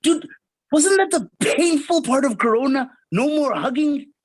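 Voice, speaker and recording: A man's voice: very high voice, lively intonation, a crowd in the background, poor audio. Joking South African man in his fifties. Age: 50s. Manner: jokey, quick one-liners. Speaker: guest, comedian. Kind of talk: casual podcast interview.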